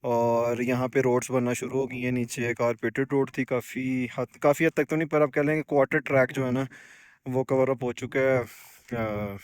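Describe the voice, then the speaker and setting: A man's voice: mid-range voice, little pitch movement, moderate pace, smooth, dry recording, studio quality. A man chatting informally to a camera outdoors on a mountain pass, repeating phrases for emphasis. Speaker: travel companion. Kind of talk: casual outdoor chat to camera.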